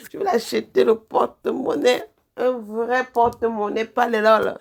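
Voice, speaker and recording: A woman with a Cameroonian French accent chatting casually as a vlogger, animated and teasing, with sing-song repetition. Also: a little high, measured pace, vocal fry. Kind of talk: casual chat.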